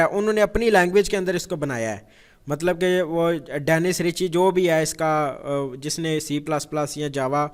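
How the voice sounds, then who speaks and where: A man with a Pakistani accent teaching programming in a conversational lecture style, repeating phrases and using frequent fillers. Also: fairly high pitch. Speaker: programming instructor.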